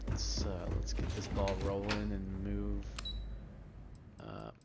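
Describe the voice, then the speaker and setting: A man giving casual, rambling playthrough commentary on a video game, with informal, halting asides as he plays. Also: lowish voice, completely flat delivery, creaky. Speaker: gamer playing and commenting. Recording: dull microphone, faint background noise.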